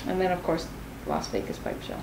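A woman's voice: on the low side, big pitch swings, a little fast, darkish tone. Lady chatting with a pipe clamped in her mouth, lots of ums, roomy echo. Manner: hesitant, many fillers. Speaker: guest. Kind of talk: casual interview. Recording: echoey room with noise.

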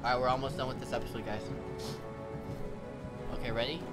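Excitable young man coaching a co-op partner. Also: mid-range voice. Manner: excitable, coaching his partner with quick repeated commands. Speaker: gaming host. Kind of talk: casual co-op gameplay chat. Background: game music.

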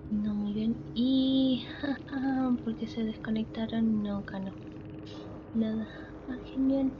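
A woman hosting a gaming channel talks her way through a horror game casually, murmuring to herself with occasional English interjections. Her slightly high voice keeps fairly even intonation at a slow pace, heard in lo-fi sound over music, with game sounds and ambience making the recording clearly noisy.

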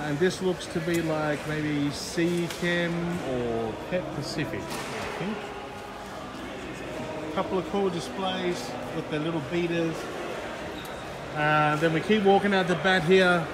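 A man, vlogging a chatty walkaround of an aquarium expo on a handheld gimbal camera. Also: a little high. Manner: upbeat, chatty, fast run-through of booths. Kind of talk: walkaround vlog. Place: large indoor expo hall. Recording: noisy hall with background chatter.

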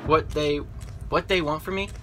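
A young man gives casual let's play commentary, thinking aloud as he goes. His voice is fairly high, bright and lively, with faint noise behind it. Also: moderate pace. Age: young adult. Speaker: gamer playing a horror game with facecam.

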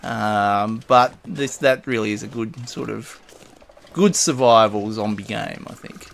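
A man's voice: fairly low pitch, unhurried, gravelly, fairly bright tone, slight background noise. A man giving casual, rambling commentary while playing a survival game, muttering item names and laughing to himself. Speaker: gaming video host.

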